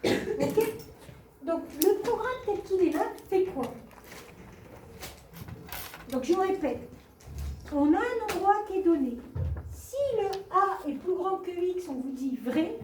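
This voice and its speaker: A woman with a very high voice leads a math class, patient and steady, often checking that students follow. Her tone is soft and mellow, and she sounds set back from the mic in a roomy classroom. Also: takes it slowly, long pauses, a little hiss or hum. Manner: patient, repeats and asks the class questions. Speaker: math teacher. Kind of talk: classroom explanation. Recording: echoey classroom from far off.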